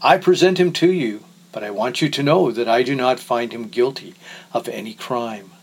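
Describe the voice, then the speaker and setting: Man voicing a guarded Roman governor, plain and measured. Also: mid-range voice, breathy edge, poor audio. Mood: stern. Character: wary Roman governor, male, weary authority.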